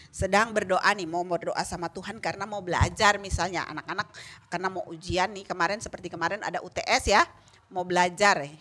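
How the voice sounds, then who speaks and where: A woman teaching a children's Sunday school lesson in a lively way, often asking the children questions. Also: medium pitch.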